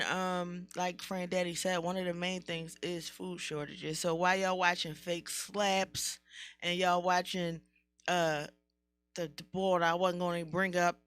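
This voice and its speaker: A woman's voice: lowish voice, flat delivery, a little slow, a bit bright, smooth, soft background music. An American woman co-hosting a casual podcast, blunt and slangy, swearing freely, with slightly slurred, lisping speech from wearing retainers. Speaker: podcast co-host.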